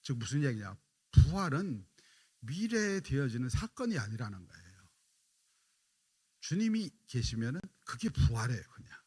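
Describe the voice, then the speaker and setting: A male pastor giving a dawn prayer sermon. He puts questions to the congregation and answers them himself, and he goes quiet and slow when he quotes Jesus. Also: medium pitch, very animated, slightly rough. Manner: drops to quiet, drawn-out lines when quoting Jesus.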